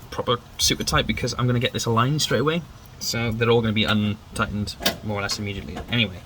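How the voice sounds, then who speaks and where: A man chats his way through a how-to on his car build in a garage workshop, joking at his own expense and wandering off topic. His voice is medium-pitched, and the background is noisy.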